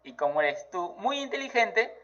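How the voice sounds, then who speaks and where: A man teaching a math lesson to children, slow and encouraging, praising the child often. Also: sits high, big pitch swings, bright, forceful tone. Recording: dull lo-fi audio.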